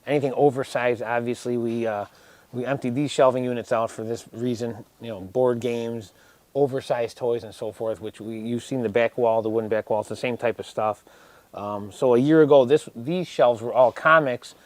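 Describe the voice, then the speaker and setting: A man in his forties with a medium-pitched voice gives a casual tour. He explains things practically and plainly, and the sound is close and dry with little echo. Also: steady tone, normal speed. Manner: matter-of-fact, practical explaining. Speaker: warehouse business owner giving a tour. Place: indoors, large warehouse storage aisle.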